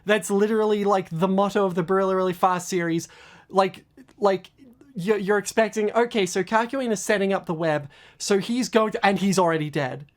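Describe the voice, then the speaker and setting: A woman's voice: mid-range voice, normal speed. A woman video creator giving casual behind-the-scenes commentary in a rambling, stammering, enthusiastic way.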